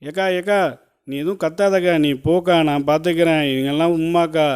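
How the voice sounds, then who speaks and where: Guy doing a fawning lorry driver, smooth clear voice, a bit high, soothing. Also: fairly even intonation, fairly quick, a little mellow, lightly acted. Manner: soothing, deferential.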